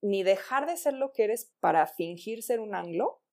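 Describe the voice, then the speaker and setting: Woman, teacher, class lecture, conversational, rhetorical questions, mellow warm voice. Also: medium pitch, animated, moderate pace. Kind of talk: recorded online class lecture.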